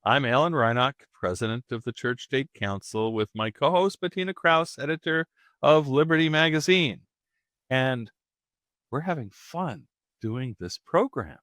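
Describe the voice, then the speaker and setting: In a clean studio recording with no room sound, a man hosts a podcast, introducing the show and his guest in a chatty, rambling way full of fillers. His medium-pitched voice is animated and fairly bright, and he never hurries. This is a casual podcast intro and interview.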